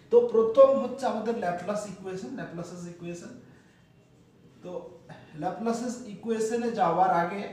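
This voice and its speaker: In a classroom physics lecture, a man explains step by step, using many fillers and checking that students follow. His voice is high-pitched and darkish, heard from a distance in an echoey room.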